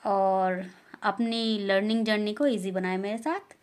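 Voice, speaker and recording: Woman teacher, young adult, unhurried and patient, drawing out each word she teaches. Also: mid-range voice, fairly even intonation, clean tone. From India. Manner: slow and patient, repeats each word slowly and loudly. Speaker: language teacher. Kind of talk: beginner language lesson.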